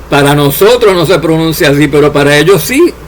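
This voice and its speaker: Male preacher, sermon, raised pitch, soft low phrase endings, faint background noise. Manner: addresses listeners as dear servants, drops voice at endings.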